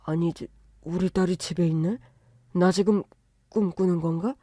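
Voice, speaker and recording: A woman voicing a middle-aged husband and father with a low, gruff manner. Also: fairly even intonation, moderate pace, mellow, no echo, studio quality, close to an everyday voice. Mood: surprised.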